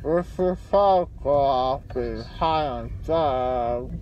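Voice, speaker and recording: A man's voice: medium pitch, drawn-out words, dull audio. A young man rambling loopily and disjointedly in a casual vlog, groggy, with mumbly, slurred speech. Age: young adult. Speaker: vlogger. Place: inside a moving car. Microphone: phone at arm's length. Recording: noisy car interior phone recording. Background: car and road noise.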